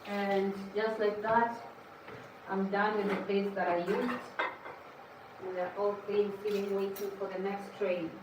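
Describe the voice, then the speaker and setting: A woman's voice: medium pitch, level tone, a little slow, background noise. A woman hosting a cooking livestream, chatting casually and lecturing viewers as she cooks. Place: home kitchen. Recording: echoey kitchen, mic at a distance.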